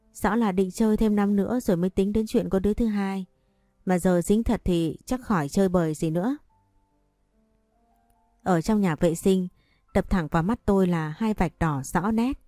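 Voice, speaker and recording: A woman's voice: mid-range voice, normal speed, dark tone, dry recording, clean studio sound, soft background music. A woman narrating a first-person romance story aloud, reading the dialogue in her own voice. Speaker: audiobook narrator.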